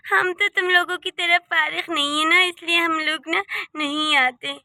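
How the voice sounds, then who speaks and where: A woman's voice: very high voice, fairly even intonation, unhurried, bright, forceful tone, dry recording, studio quality, exaggerated voice. A woman voicing a scheming young daughter-in-law in a cartoon story, sugary and sly. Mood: scolding. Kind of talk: cartoon voice acting.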